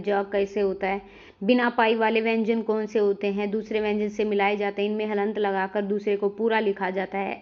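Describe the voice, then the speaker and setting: A woman's voice: medium pitch, a little mellow. A woman teaching a grammar lesson online, explaining step by step and talking straight to her viewers. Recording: dull lo-fi recording.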